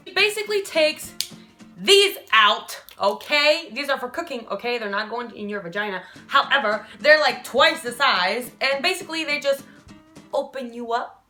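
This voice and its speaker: A young woman telling a storytime vlog in a casual, animated way, swearing freely. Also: sits high. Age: young adult. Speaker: vlogger.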